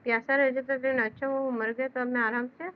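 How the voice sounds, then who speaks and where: A woman's voice: sits high, flat delivery, fast talker, clear, resonant tone. A woman teacher explaining a children's story, retelling each line again in simpler words. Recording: dull lo-fi sound.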